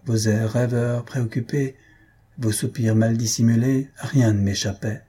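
A man voicing a gentle, composed young woman who speaks softly in a read-aloud story. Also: medium pitch, steady tone, a little slow, breathy edge.

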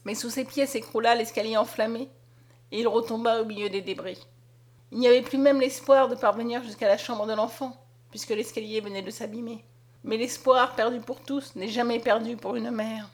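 A woman narrating a story aloud in a dramatic, expressive reading. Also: on the high side, moderate pace. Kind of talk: scripted audiobook narration.

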